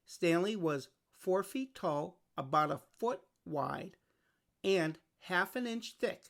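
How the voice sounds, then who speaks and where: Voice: medium pitch, lively intonation, slow, gravelly, a bit bright. A storyteller reading a scripted children's picture book aloud. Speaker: storybook reader.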